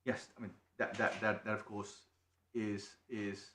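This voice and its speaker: A man making a legal submission to appeal judges, halting and restarting often as he speaks. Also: on the low side, flat delivery. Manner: halting, many restarts and repeated words. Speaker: barrister. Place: courtroom. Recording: echoey courtroom, faint noise.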